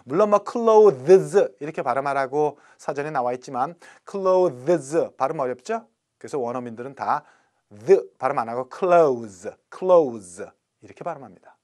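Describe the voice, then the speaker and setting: Lively male English teacher. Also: mid-range voice. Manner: playful, chatty, slowly spells out English words. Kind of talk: recorded classroom lecture.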